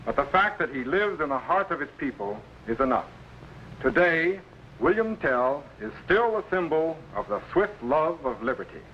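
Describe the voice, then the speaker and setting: An actor playing an authoritative, heroic time-traveling captain and mentor in an old-time children's science fiction serial. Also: male voice, a little high, very animated, normal speed, a bit bright. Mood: instructive. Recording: slightly noisy vintage serial recording.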